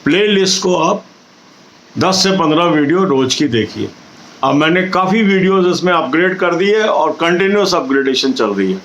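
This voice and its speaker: A middle-aged man, coaching exam candidates in a steady, instructive talk. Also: a little high, moderate pace, low-quality recording. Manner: steady, instructive, addresses viewers directly with advice.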